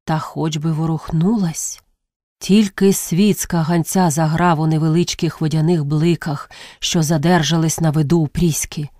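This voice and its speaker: A woman reading classic literary prose aloud as narrator, measured and expressive, with drawn-out pauses. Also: sits low, no echo, clean studio sound.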